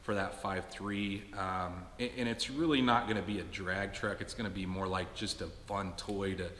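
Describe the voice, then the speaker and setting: A man talking casually to his viewers as a channel host, answering questions in a halting, conversational way with frequent restarts. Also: sits low, steady tone, fairly bright tone, slight background noise. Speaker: host of a truck-building video channel. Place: cold garage shop, indoors. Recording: echoey, reverberant garage.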